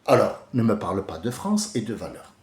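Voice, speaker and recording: A man giving an informal religious commentary, passionate and digressive, swinging from soft musing to loud ranting. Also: lowish voice, very animated, normal speed, reverberant. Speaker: religious speaker.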